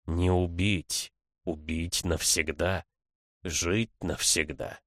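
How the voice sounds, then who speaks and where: Guy doing a slow low demon, kinda confused, halting words, dry audio. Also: fairly even intonation, a bit bright, dry recording. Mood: flat.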